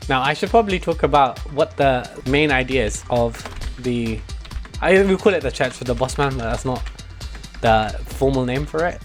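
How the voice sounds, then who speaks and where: A man's voice: mid-range voice, expressive, moderate pace, soft background music. A young British man streaming a mock lesson to his chat in a mock-serious manner, prone to chuckling.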